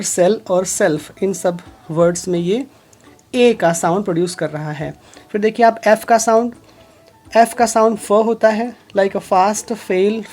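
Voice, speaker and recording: A woman gives a phonics lesson in a slightly low voice. She speaks very slowly and deliberately and reads out lists of example words one by one. Soft music plays faintly behind her. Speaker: English teacher. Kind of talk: phonics lesson explained in Hindi.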